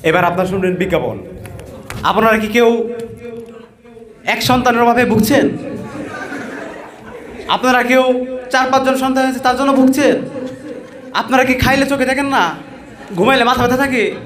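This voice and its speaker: A man's voice: extremely high pitch, normal speed, pauses often, fairly bright tone. A man playing a parody street hawker of quack cures, giving repetitive sales patter in a spoof advertisement. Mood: huckstering. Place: echoey room or hall at a madrasa event. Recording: echoey hall with audience noise.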